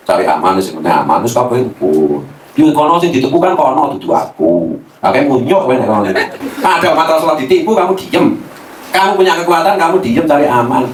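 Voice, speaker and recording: Animated cleric speaking from afar. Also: male voice, mid-range voice, brisk. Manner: animated, mixes Javanese slang, laughs often. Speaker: Islamic cleric. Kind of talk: casual religious talk. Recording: roomy, from a distance, faint noise.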